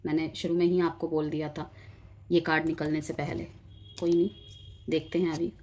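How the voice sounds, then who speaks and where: Female tarot reader, lowish pitch, chatty explainer who speaks directly to viewers. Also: little pitch movement, moderate pace, darkish tone, a little hiss or hum. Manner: explanatory, addresses viewers directly, drifts between Hindi and English. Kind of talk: collective tarot reading.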